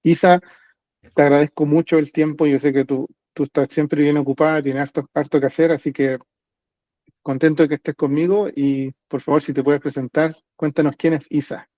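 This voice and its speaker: A man's voice: a little high, level tone, normal speed, no echo. A man hosting a podcast interview, speaking hesitantly with many fillers and restarts. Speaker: podcast host. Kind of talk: conversational interview. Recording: dry, dull lo-fi sound.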